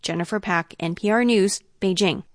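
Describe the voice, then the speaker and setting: Female correspondent, mid pitch, crisp report read, dry recording. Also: normal speed, dry recording. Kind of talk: news report.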